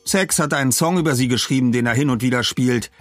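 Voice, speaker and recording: A man's voice: medium pitch, fast talker, dry recording, soft background music, lightly acted. A man voicing an earnest teenage boy detective who explains in a hurry.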